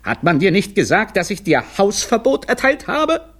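A man voicing a pompous, hot-tempered male circus director who whines in pain and bellows in rage, with a husky voice. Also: wildly swooping pitch, slow pace, heavily acted. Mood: furious. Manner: whiny, then booming and furious.

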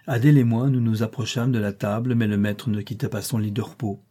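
A man reading a classic novel aloud as an audiobook in a measured, even way. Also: lowish voice, slightly rough. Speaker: audiobook reader. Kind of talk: scripted narration.

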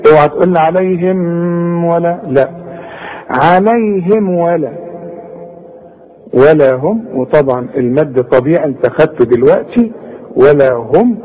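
A man with an Egyptian Arabic accent teaches Quran recitation in a chatty, direct way. His voice sits a little high yet sounds dark and mellow. He keeps stretching single syllables to show how each one should sound. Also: breathy edge, rough recording. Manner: models recitation slowly, syllable by syllable, in drawn-out demonstrations; direct, colloquial coaching aimed at the student. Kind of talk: Quran tajweed lesson.

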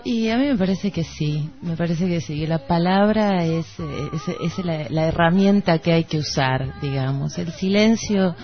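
Co-hosting a literary radio program, a Rioplatense-accented Argentine woman chats in a lowish voice, unhurried and with few pauses. Background music plays under a dull, lo-fi radio recording.

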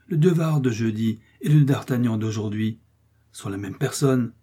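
A man reading aloud and playing a bold young swordsman, gallant and teasing, in a husky, dark voice. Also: mid-range voice, moderate pace, lightly acted. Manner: gallant, mocking confidence.

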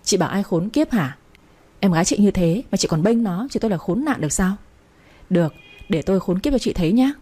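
A woman's voice: medium pitch, lively intonation, a little fast, husky. A woman reading a furious jealous wife. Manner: snarling, shouting insults.

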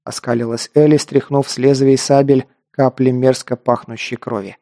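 A man narrating a first-person fantasy action audiobook, steady storytelling that lifts into louder voiced dialogue. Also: mid-range voice, normal speed, no room sound, studio quality.

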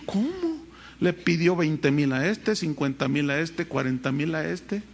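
A man preaching a sermon as pastor, telling animated stories and acting out voices. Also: on the high side, a little slow, creaky. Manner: animated storytelling, acts out voices.

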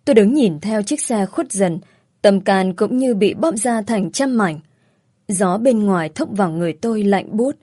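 Woman narrator, first-person audiobook story, earnest and emotional, medium pitch, dry close sound. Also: lively intonation, moderate pace, mellow, slightly rough, no room sound.

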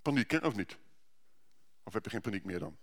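A man's voice: lowish voice, expressive, brisk. A male pastor giving a sermon at a church service, conversational, with rhetorical questions and frequent restarts.

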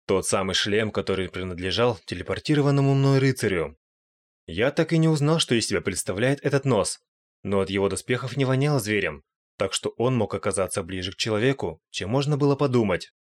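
A man's voice: lowish voice, lively intonation, a little fast. A man reading a first-person fantasy story aloud in a wry, matter-of-fact way. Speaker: audiobook narrator.

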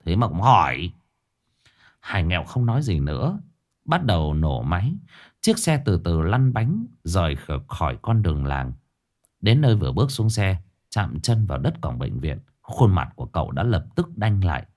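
A man narrating a ghost story in an expressive storytelling manner. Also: deep voice, normal speed.

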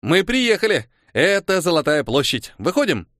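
Guy putting on a hyper cheerful boy, clumsy, talks high and bouncy, storybook voice. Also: very animated, fairly quick, no echo, clean studio sound. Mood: excited. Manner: bouncy, exclaiming, high-pitched.

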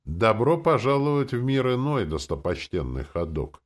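A man's voice: low voice, sing-song, moderate pace. A man doing a kindly old imperial official. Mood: courteous. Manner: courteous, formal, lightly amused. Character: elderly plump good-natured imperial official, man.

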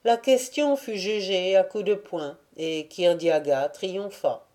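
A woman narrating a classic novel as an audiobook reader, in a measured, deliberate reading. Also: on the low side, dark tone.

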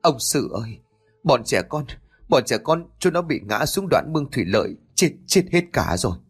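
A man's voice: mid-range voice, expressive, measured pace, slightly rough, faint music behind, exaggerated voice. A man reading a storybook, voicing a distraught village woman who is choked up with tears. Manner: sobbing, breaking off.

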